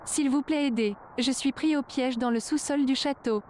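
A synthetic text-to-speech voice with a female sound, reading game text aloud in a flat machine way and stumbling over unusual words. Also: high voice, normal speed, a little hiss or hum. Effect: synthetic text-to-speech robot voice. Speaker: automatic translation reader in a game.

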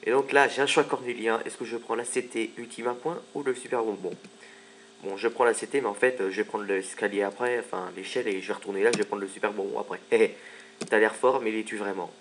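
Low-voiced man joking through gameplay. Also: fairly even intonation, fast talker, slight background noise. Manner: joking, chatty asides. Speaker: let's play commentator. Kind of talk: casual gameplay commentary.

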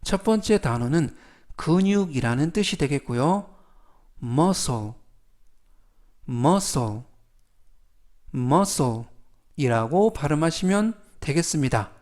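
A man teaching English vocabulary in a slow, careful lesson narration, repeating each word clearly for learners whose first language is Korean. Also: on the high side, lively intonation, a little mellow.

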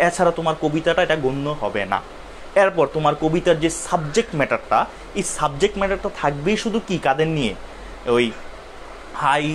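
A man's voice: fairly high pitch, slight background noise. A young man from Bangladesh teaching a live literature class, asking questions and answering them himself. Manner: explains step by step, asks and answers his own questions.

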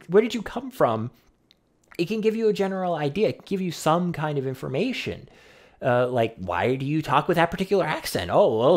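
Wry, rambling young man vlogging. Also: a little high. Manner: rambling and wry, with frequent fillers and mild swearing. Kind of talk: casual rambling monologue.

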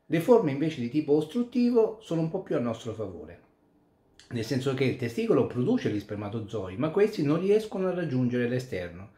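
Male doctor explaining to camera, measured and methodical, average pitch, recorded in a reverberant room. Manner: calm, methodical, explanatory with occasional restarts. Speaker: urologist and andrologist. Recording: echoey room.

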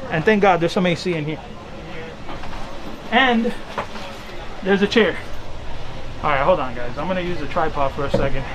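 This young live-streamer from Miami, Florida, chats casually as he tours the docks and cabins of a crowded outdoor boat show, tired from the heat. His voice is a little high at normal speed, broken by long pauses, with crowd noise all around. He's slangy and excitable and tosses in Spanish phrases.

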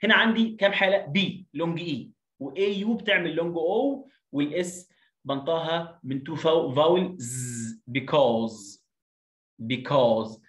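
A man with an Egyptian Arabic accent teaching an English lesson, repeating words slowly to drill their pronunciation. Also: a little high, a bit bright. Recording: roomy echo.

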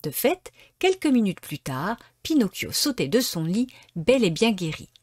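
A woman reading a children's tale aloud in a calm, expressive storytelling manner. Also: medium pitch, moderate pace, breathy edge, dry recording, clean studio sound.

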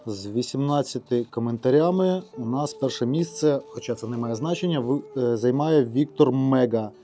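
Mellow-voiced Ukrainian male co-host. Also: medium pitch, expressive, fairly quick. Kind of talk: casual chat, reading out giveaway winners.

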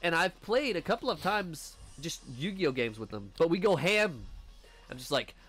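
A young man with a lively, bouncing, slightly high voice tells gaming stories among friends. He acts out quoted lines and bursts into loud laughter. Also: moderate pace, faint music behind. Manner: animated storyteller, laughs loudly, acts out quotes. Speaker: let's play co-host. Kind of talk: casual gaming banter.

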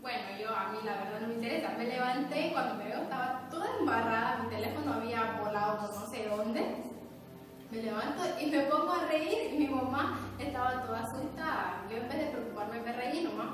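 A woman's voice: a little high, fairly quick. A young woman with a Bolivian accent performing a comic stage monologue, acting out the dialogue. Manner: lively, acts out dialogue. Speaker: acting student. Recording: echoey hall, far from mic, music behind.

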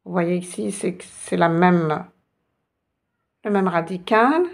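Slow, patient woman teaching a lesson. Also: on the low side, vocal fry. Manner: slow, patient, instructive, repeats letter sounds. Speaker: Arabic teacher. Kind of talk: online language lesson.

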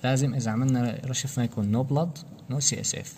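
A man's voice: mid-range voice, steady tone, warm tone. Man lecturing on a procedure at top speed, teacher's quizzing tone, faint room noise behind. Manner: rapid explanatory, asks students rhetorical questions. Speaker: anesthesia lecturer. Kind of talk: practical medical demonstration.

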